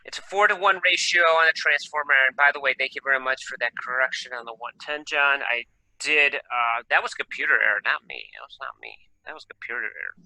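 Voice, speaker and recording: A man's voice: medium pitch, fairly quick, sharp tone, dry recording, poor audio. A man teaching an electronics class over a video call, talking casually and thinking aloud as he works the screen share. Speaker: electronics instructor. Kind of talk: live online class lecture.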